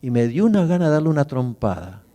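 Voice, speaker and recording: A middle-aged man, preaching as a pastor and telling a personal story vividly, his voice going from loud to hushed. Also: mid-range voice, very animated, fast talker. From Argentina. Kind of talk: sermon storytelling. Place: church hall. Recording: church hall with long reverb.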